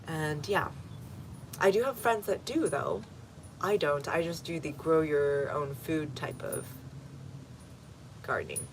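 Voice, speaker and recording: A woman's voice: deep voice, fairly bright tone, slight background noise, rough recording. A woman from Texas hosting a casual garden livestream outdoors, chatting and answering viewer comments one by one with fillers. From Texas, United States.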